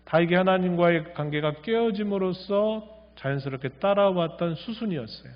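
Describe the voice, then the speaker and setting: A pastor preaching a sermon, reading scripture slowly and firmly and asking rhetorical questions. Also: male voice, high voice. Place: church sanctuary. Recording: dull lo-fi sound with long church reverb.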